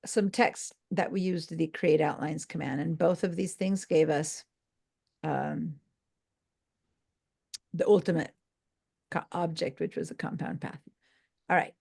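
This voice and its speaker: A sleep-deprived woman teaching a live online design software class, talking in a loose, rambling way with many fillers and restarts. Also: low voice, unhurried, vocal fry, long pauses, husky.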